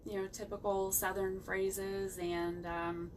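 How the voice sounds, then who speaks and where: A woman's voice: mid-range voice, flat delivery, slow. A woman from West Virginia with a Midwestern American accent, chatting casually as a musician guest in an interview. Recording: distant mic, faint background noise.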